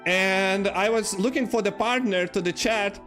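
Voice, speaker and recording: Here the Lithuanian-accented streamer's voice is high and fairly bright, a little slow, with faint music underneath. The man from Lithuania gives relaxed gaming commentary on his live stream, rambling, talking to chat, and teasing himself.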